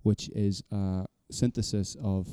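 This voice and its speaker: A man's voice: fairly low pitch, fairly even intonation, slow pace, warm tone, clear, resonant tone, no echo. A man in casual podcast chat, rambling and self-deprecating, swearing now and then.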